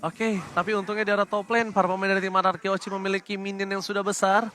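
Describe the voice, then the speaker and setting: A man doing live play-by-play esports commentary as a caster, with an excitable delivery. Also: sits high, fast talker, slight background noise. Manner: excitable, builds to shouting at big plays.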